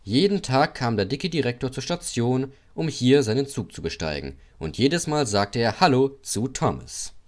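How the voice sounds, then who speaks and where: Male audiobook narrator, very animated intonation, children's story. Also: mid-range voice, moderate pace, few pauses. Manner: lively, expressive reading.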